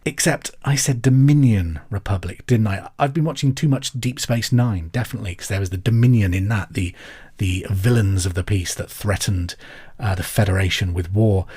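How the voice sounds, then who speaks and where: An Englishman hosts a pub quiz podcast, chatting conversationally in a medium-pitched, slightly mellow voice. He repeats the questions clearly, and music plays behind him.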